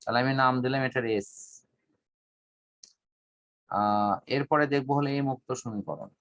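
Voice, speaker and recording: A man teaching physics in an online whiteboard lesson, speaking in a measured, halting way with long pauses and English terms mixed in. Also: mid-range voice, fairly bright tone. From Bangladesh.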